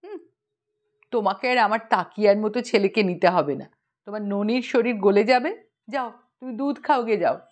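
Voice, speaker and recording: A woman's voice: medium pitch, normal speed, lightly acted. Haughty aunt, cold, sulky, cutting, read by a woman, storybook.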